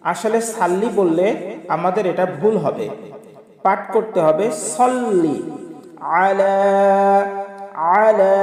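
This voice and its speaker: A man teaching word-by-word recitation, chanting each phrase slowly between explanations and laughing lightly as he corrects mistakes. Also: high voice, darkish tone, reverberant, long reverb tail. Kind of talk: word-by-word pronunciation lesson.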